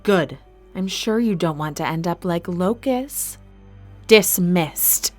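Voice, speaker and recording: Soft music accompanies a woman acting as a female arena master in an audio drama. Low and commanding, she delivers clipped, formal lines at a slow pace with lively intonation, and her manner is cold, suspicious and ruthless.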